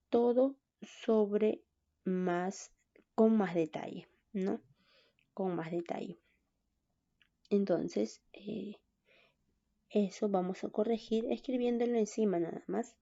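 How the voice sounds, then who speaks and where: A woman teaching a recorded online class, slow and patient, often checking in with "¿no?". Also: medium pitch, steady tone, gravelly, mellow. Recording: dull lo-fi sound.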